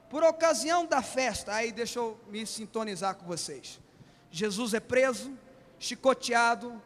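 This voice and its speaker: A man preaching a sermon as a bishop, impassioned and often shouting in a church hall. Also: very high voice. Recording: long hall reverb.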